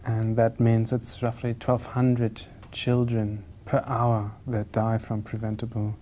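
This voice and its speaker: A man's voice: mid-range voice, completely flat delivery, slow pace, mellow. A man giving an earnest advocacy statement, hesitant, with many fillers.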